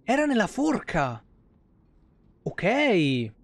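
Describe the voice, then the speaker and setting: A high voice with wildly swooping pitch and drawn-out words comes through a dry recording. It belongs to a Roman-accented game streamer in his thirties who hosts from home, casually thinking aloud in colloquial, salty live commentary.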